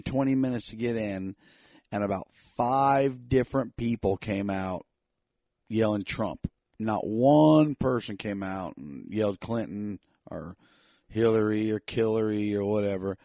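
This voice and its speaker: A man co-hosting a casual podcast, telling a story with animated bursts when heated. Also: lowish voice, unhurried, no room sound. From North Carolina. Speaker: podcast co-host. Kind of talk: casual chat. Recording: slightly dull dry sound.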